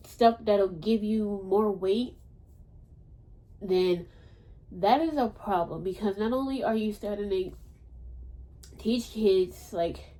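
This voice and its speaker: A woman with a mellow, soft-edged voice hosts her podcast as a casual, unscripted chat. She rambles from thought to thought, speaks bluntly and swears without a second thought. Her pitch sits in the middle range for a woman. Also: rough recording. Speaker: podcast host.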